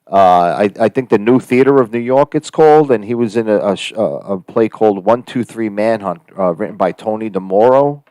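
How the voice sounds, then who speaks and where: A man's voice: fairly low pitch, fairly quick, hardly any pauses, dark tone, no echo. A man with a New Jersey Italian-American accent, co-hosting a casual live stream and rambling with many fillers and restarts. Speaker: co-host and actor.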